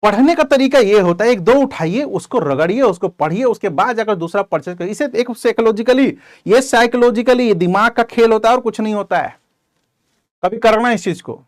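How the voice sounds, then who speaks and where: A man's voice: sits high, dry recording, studio quality. A man teaching as an exam coaching teacher, giving direct, conversational advice to his students in an informal lecture.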